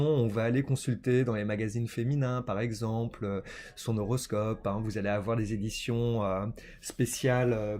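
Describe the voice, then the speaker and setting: A man's voice: medium pitch, a little hiss or hum. A man doing a casual oracle card reading for his viewers, talking hesitantly with many fillers and small laughs. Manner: hesitant, many fillers, chatty and warm-toned about cards.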